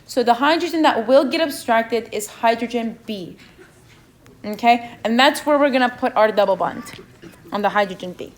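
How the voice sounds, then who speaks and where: A woman's voice: fairly high pitch, moderate pace. A young woman with a non-native English accent leading an exam review session, asking the students questions and checking in with "okay?" as she goes. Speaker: chemistry review session leader.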